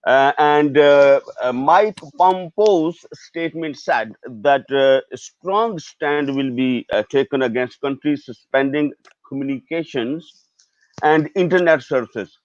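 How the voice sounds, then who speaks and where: A man moderating a panel, introducing speakers and asking halting, hesitant questions. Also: fairly high pitch, no echo. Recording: dull, dry lo-fi audio.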